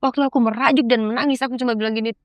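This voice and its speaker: A woman's voice: a little high, steady tone, very fast, no echo. A middle-aged woman, a podcast guest, giving an earnest, preachy personal testimony and acting out her own pleas in a rising voice.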